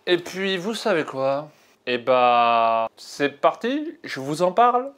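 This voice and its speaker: Playful French YouTuber woman, lively. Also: low voice, takes it slowly. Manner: playful, hesitant with fillers. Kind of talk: casual chat.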